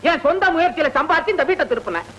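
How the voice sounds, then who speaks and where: A man's voice: very high voice, big pitch swings, rapid-fire, fairly bright tone, heavily acted, low-quality recording. An actor playing a hot-tempered middle-aged father who scolds and blusters in old film dialogue. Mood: angry.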